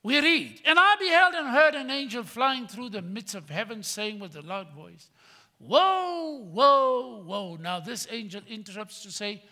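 An older man preaching a sermon from a church pulpit, swinging between loud emphatic bursts and quiet asides. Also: extremely high pitch. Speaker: pastor. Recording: long hall reverb.

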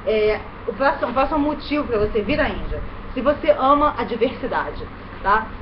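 Her voice a little high and expressive, this thirty-something woman from Brazil talks to camera in a relaxed vlog style, her Rio de Janeiro accent clear. Sitting in a bedroom in India, she gestures and keeps tacking quick questions onto her sentences. A running electric fan adds noise to the dull webcam sound.

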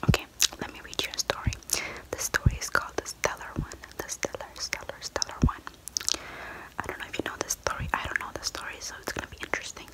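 A woman whispering ASMR very close to the microphone, with soft repeated words, mouth sounds and nail tapping. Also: fast talker. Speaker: ASMR creator. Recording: lo-fi close-up phone or webcam recording.

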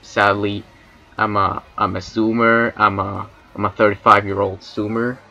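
A man's voice: on the low side, little pitch movement, unhurried, vocal fry, pushed and bright, muffled recording. A man from Chile with a Chilean Spanish accent, rambling and cracking crude jokes with chat on a casual debut livestream. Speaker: streamer.

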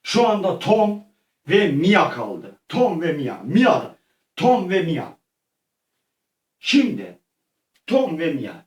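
High-voiced man narrating from far off. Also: big pitch swings, slow pace, long pauses. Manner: repeats phrases over and over, frantic when shouting. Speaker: storyteller playing out a scene. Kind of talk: improvised play-by-play narration. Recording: echoey room, voice far from mic.

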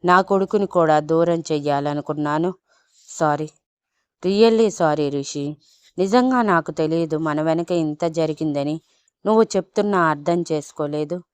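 A woman voicing a remorseful young wife who pleads softly and slowly for forgiveness in a spoken love story. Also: low voice, clean tone, no room sound. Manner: soft, slow, pleading.

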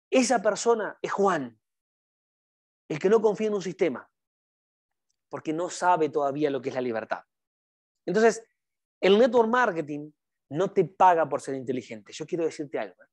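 A man's voice: high voice, darkish tone. Emphatic man giving a seminar. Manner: emphatic, repeats key phrases; addresses the audience directly. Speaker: network marketing trainer. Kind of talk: motivational seminar talk.

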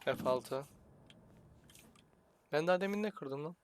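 A young man giving casual, jokey commentary while playing a shooter, swearing at enemies and shouting in sudden bursts. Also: a little high, unhurried, noisy background. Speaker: gaming channel host.

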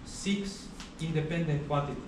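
A young man giving a university lecture in a large hall, explaining steadily with many pauses and uh fillers. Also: on the high side. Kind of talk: classroom lecture. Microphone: far camera at the back of the room. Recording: echoey hall recorded from far off, background hiss.

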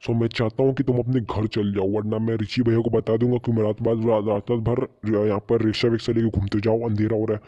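A man's voice: on the low side, level tone, fast, few pauses, warm tone, close to an everyday voice. A man playing a fatherly game uncle who teases and scolds, in muffled lo-fi audio. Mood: stern. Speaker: game character Kiran uncle.

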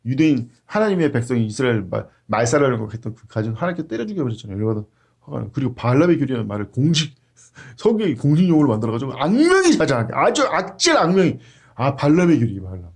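A man's voice: mid-range voice, very animated, fast talker. A man practicing a sermon, blunt and emphatic, using coarse slang and frequent rhetorical questions. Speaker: pastor.

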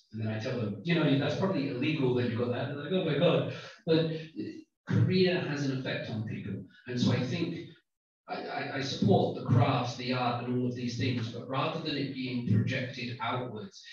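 A man talks as a lecturer in an informal, conversational way. His voice sits at an average pitch. It is caught from far off in a very reverberant room, with a dull, muffled sound. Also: darkish tone. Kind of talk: conversational lecture and audience discussion. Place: small lecture room with audience. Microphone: handheld mic, recorded by far camera. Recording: very echoey room, distant, muffled.

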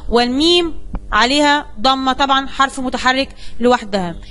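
A woman teacher with an Egyptian accent and a high voice. She addresses the class directly and takes each word apart patiently, one step at a time. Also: fairly quick, pushed and bright. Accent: Egyptian Arabic. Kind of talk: classroom lesson explanation.

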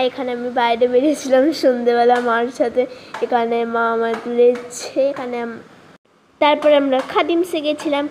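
A woman narrating her vlog in a casual way, at times talking quietly so as not to be overheard. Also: a little high, a little hiss or hum. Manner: quiet, hushed talk to keep a surprise. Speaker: vlogger. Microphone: voice-over recorded later.

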